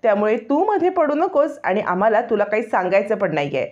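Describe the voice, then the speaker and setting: A woman's voice: mid-range voice, lively intonation, a little fast, a little mellow, lightly acted. A woman reading the lines of a haughty young woman of the household, curt and scornful. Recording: dull lo-fi recording.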